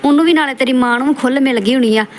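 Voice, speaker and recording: A woman's voice: high-pitched, very fast, a little hiss or hum. A woman hosting a roast, scolding and insulting the subject of a clip in a lecturing, scornful way. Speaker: roast channel host. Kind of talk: scolding roast commentary over clips.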